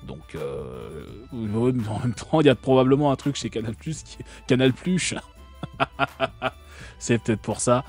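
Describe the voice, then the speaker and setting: A man's voice: mid-range voice, expressive, slow pace, darkish tone, faint music behind. A man from France hosting a live stream, talking casually and sarcastically with many fillers and restarts.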